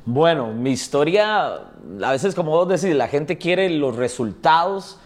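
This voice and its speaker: Man, Costa Rican accent, interview guest, slightly high voice, chatty, rambling storyteller. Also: expressive, a little slow. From Costa Rica. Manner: chatty storyteller, often adds tag questions and laughs. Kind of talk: casual interview.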